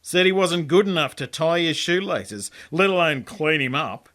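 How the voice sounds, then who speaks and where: Reading his own first-person yarn in a laid-back, colloquial, laconic style, an Australian man speaks at normal speed. His voice leans high, expressive and a bit bright.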